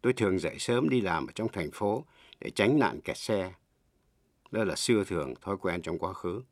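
A middle-aged man with a fairly low voice gives an English lesson for Vietnamese speakers, taking his time over every word. His pitch rises and falls a great deal as he spells terms out and repeats examples. The sound is dry and close, with no room around it. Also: expressive, no echo. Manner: slow, deliberate, spells words letter by letter and repeats examples. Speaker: English teacher.

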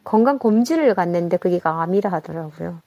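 A woman from North Korea with a North Korean accent, telling her own story in a casual interview in a halting, unpolished, colloquial way. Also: fairly low pitch, lively intonation, mellow, no echo, muffled recording, faint music behind.

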